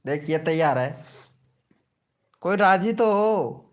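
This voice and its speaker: A man's voice: on the high side, animated, takes it slowly, dull audio. A young man hosting a casual live stream, joking and teasing viewers by name.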